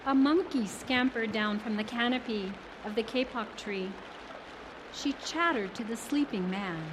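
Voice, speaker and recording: A woman narrating a read-aloud storybook in a measured storytelling manner. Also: fairly high pitch, background noise.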